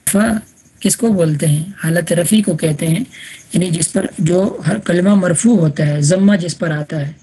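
Woman teaching grammar over voice chat, low husky voice, keeps asking if everyone gets it. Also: warm tone. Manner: patient, repeats examples and checks understanding. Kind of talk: online class lecture. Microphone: online voice chat room.

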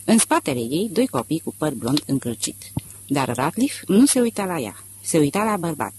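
A man reading a literary audiobook aloud in a measured, expressive narration. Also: a little high, slight background noise. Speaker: audiobook reader.

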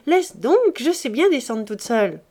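Audiobook reader woman putting on a lively teenage girl, higher and breathless. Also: heavily acted. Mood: playful. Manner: quick and breathless. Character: eager, playful teenage girl.

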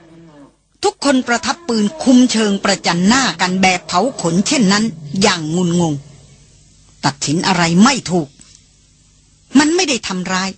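A woman reading an adventure novel aloud as an audiobook in a steady, measured storytelling voice. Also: medium pitch, slightly rough. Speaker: audiobook reader. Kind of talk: scripted narration.

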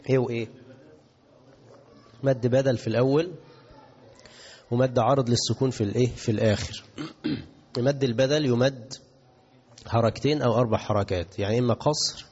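In a reverberant hall, captured on a dull recording, a man with an Egyptian accent gives a hadith lesson as a sheikh. His mid-range, slightly mellow voice poses questions to the audience and answers them, blending classical and colloquial speech.

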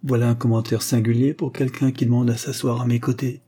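A man reading an audiobook, voicing a proud, quick-witted young baroness with dry, cutting repartee. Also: mid-range voice, level tone, dark tone, breathy edge, natural voice. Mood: sly.

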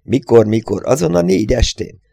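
A man's voice: medium pitch, lively intonation, creaky, warm tone, dry recording. A man voicing an eager, blustery male puzzle solver in a storybook reading.

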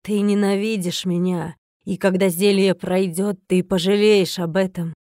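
A woman voicing a stern, weary male dragon who speaks in low, clipped, grumbling lines in an audiobook. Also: steady tone, measured pace, a little mellow, dry recording, clean studio sound, close to an everyday voice. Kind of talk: audiobook character voice.

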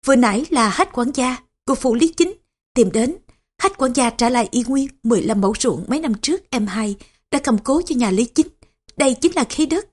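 Anxious eldest son, read by a woman, hurried and urgent, husky voice. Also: a little high, expressive, darkish tone.

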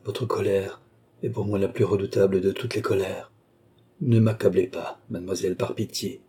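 A man's voice: deep voice, steady tone, moderate pace, dark tone, a little hiss or hum. A man reading an audiobook, voicing a remorseful young man who pleads with earnest intensity. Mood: desperate. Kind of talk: audiobook character voice.

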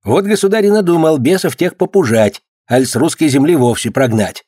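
A man's voice: a little high, expressive, fairly quick, dark tone, husky, dry recording, clean studio sound, pitched above the performer's own voice. A man voicing a boastful, gossipy male street trader who claims to know everything.

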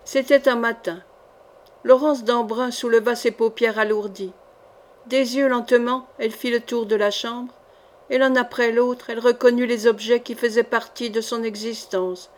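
A woman narrating a classic swashbuckling novel in a measured, expressive reading voice. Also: a little high. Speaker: audiobook reader.

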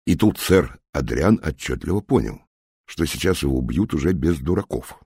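A man narrating an audiobook in a dramatic, expressive way. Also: very deep voice, moderate pace, vocal fry, slightly rough, no room sound, clean studio sound.

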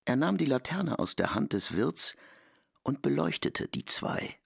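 A man with a gravelly, husky voice reading literary narration for a radio play. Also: medium pitch, sing-song, measured pace, fairly bright tone, no echo, studio quality.

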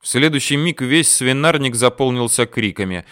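A man reading a first-person audiobook story in an even, measured way. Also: mid-range voice, clear, resonant tone, no room sound, clean studio sound. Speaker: audiobook reader.

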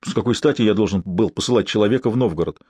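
A man's voice: fairly low pitch, very fast, darkish tone, slightly rough, no room sound. Man reading a sarcastic, grumbling young ruler. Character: sardonic, weary young male ruler.

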